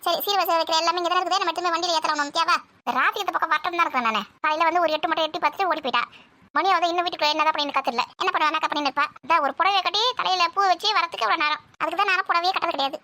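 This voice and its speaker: In acted everyday family banter set in a village, a woman's very high, bright voice races along as she nags and scolds her household in quick exchanges.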